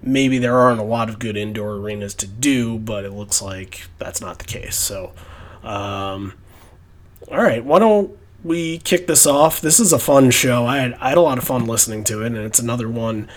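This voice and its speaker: A man's voice: medium pitch, normal speed. A man hosting a podcast in casual chat, talking in a rambling, reflective way. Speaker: podcast host.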